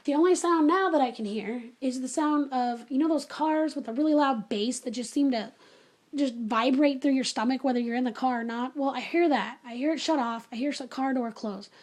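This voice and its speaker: A woman with a high, light voice recounts a story from her own life. She talks in a chatty, animated way and keeps dropping in little asides to the listener. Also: brisk. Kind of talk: casual spoken storytelling.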